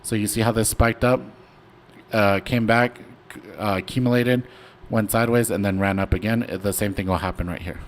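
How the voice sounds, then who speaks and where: A man's voice: fairly low pitch, steady tone, normal speed, slight background noise. Laid-back young man rambling about charts. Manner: laid-back, rambling, slangy with many fillers. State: hiccuping. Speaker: stock trading stream host. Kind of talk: casual livestream chart talk.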